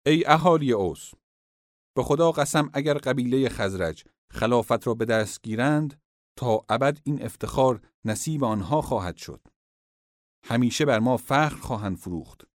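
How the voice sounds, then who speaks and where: A man voicing a fiery male tribesman, calling out loudly to rally his clan. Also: mid-range voice, lively intonation, no echo, clean studio sound, voice pushed up, lightly acted. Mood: rousing. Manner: loud, raised rallying call.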